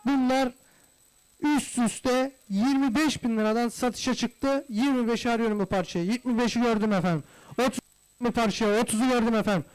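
Calling out bids in a repetitive chant of repeated phrases, this male livestock auctioneer speaks to guests with formal courtesy. His voice is very high-pitched, brisk, clear and resonant, though the audio is poor.

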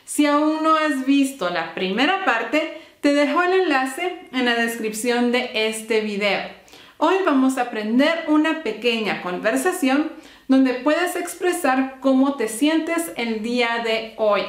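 A woman teaching English phrases in a bilingual lesson, modeling each line clearly for the listener to repeat. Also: high voice, animated, slow, reverberant.

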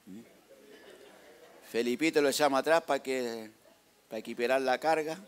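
A man with a Chilean accent giving a lively church testimony, narrating slides and often calling out to the congregation. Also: mid-range voice, moderate pace. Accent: Chilean Spanish. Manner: lively storytelling, tags "hermano" and "¿ah?".

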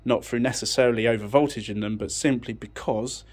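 An audio technician who presents a tech channel explains something technical indoors beside an amplifier rack, informal and matter-of-fact, working it out unscripted as he talks. His medium-pitched voice is fairly quick, darkish in tone, and fairly even in intonation.

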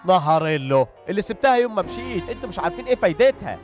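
An actor playing an excitable, comic young trickster boasting about a magic crystal ball in a TV drama. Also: male voice, high-pitched, very fast, faint music behind. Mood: excited. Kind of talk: TV drama acting.

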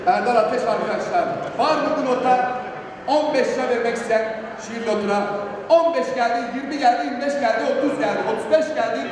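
A man's voice: very high-pitched, a little fast, crowd noise. A man working as an auctioneer, calling out rising bids in a repetitive chant of numbers. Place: large reverberant indoor public space. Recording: echoey hall, distant mic, noisy background.

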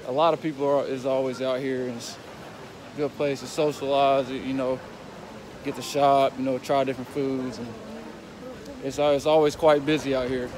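A man in his twenties, a football player, walking through a city and talking casually to his phone camera, relaxed and grateful. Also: mid-range voice, normal speed. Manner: relaxed, grateful, talks while walking outdoors. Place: outdoor city streets and square. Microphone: phone camera held at arm's length. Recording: street noise and passing traffic.

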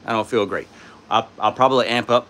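A man with a sore throat hosting a casual live stream, answering chat in a tired, low-key way from his home studio on a phone. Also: brisk, a bit bright. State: sore throat, speaking softly.

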